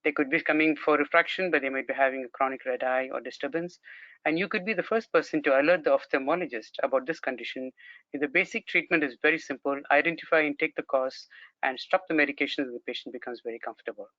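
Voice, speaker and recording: With a fairly high, bright and forceful voice, the Bruneian consultant ophthalmologist speaks quickly through a formal, courteous academic presentation. The audio, from a video call screen recording, is dry and dull lo-fi with no echo.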